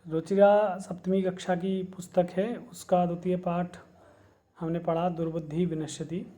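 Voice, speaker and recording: A man teaching a Sanskrit lesson to school students, going through the exercises and repeating each word slowly three times so the class can copy it. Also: sits high, dark tone.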